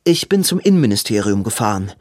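A man voicing a hurried, flustered young woman, the hero's sister. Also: rumbling low, very animated, a little mellow, no room sound, studio quality, heavily acted. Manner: breathless, hurried pleading.

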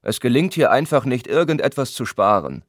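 A man voicing a gentleman who grumbles quickly about meals and money, in an audiobook reading. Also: medium pitch, lively intonation, dry recording, studio quality, pitched above the performer's own voice, close to an everyday voice. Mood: grumbling. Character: grumbling gentleman complaining about food and prices. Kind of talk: audiobook character voice.

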